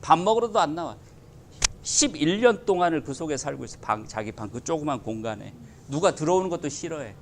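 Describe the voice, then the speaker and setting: High-voiced pastor, emphatic sermon. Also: male voice, animated, fairly quick, noisy background. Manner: emphatic, full of rhetorical questions to the congregation.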